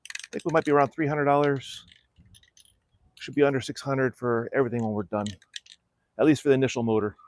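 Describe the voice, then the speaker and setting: A middle-aged man from South Florida, hosting a casual livestream from his backyard and explaining, in a relaxed and practical way, how he is restoring a small boat. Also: mid-range voice, brisk, pauses often, a little hiss or hum. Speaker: channel host restoring a boat. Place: backyard outdoors.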